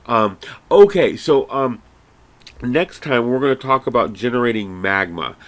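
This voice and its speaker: A man's voice: medium pitch, expressive, measured pace, fairly bright tone. A man teaching a geology class in a recorded lecture, talking casually with lots of fillers, restarts and self-deprecating asides. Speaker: geology instructor.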